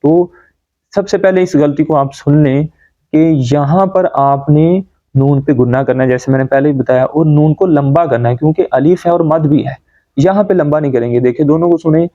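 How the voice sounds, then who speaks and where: Man teaching Quran recitation, muffled. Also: fairly high pitch. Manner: explains pronunciation errors, then recites words slowly and drawn out. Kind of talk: tajweed lesson.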